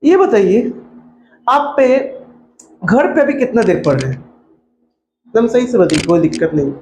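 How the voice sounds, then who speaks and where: A male coaching teacher, talking to a class in a joking, lively way and mimicking students. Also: high-pitched, normal speed. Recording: echoey classroom with faint noise.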